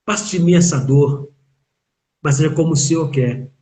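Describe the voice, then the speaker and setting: A pastor with a Brazilian Portuguese accent preaches in a fairly high voice for a man. He drives his points home with repeated rhetorical questions and rising emphasis, speaking as if to a live online audience. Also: normal speed, mellow. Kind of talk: sermon in a live online chat.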